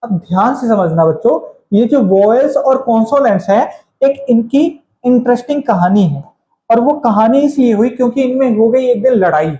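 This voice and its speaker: A man's voice: extremely high pitch, lively intonation, normal speed, dark tone. A man teaching a grammar lesson, calling his students kids, repeating each point and quizzing them. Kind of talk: classroom lecture. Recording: echoey room.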